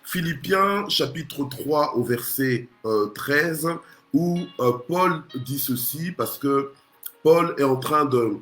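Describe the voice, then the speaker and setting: A Congolese male pastor preaches a morning sermon in church, his voice a little high, slow, and a bit bright, with soft music in the background. He punctuates nearly every phrase with alleluia and amen, often restarting and repeating words as he searches for phrasing, and the sound is roomy and echoey.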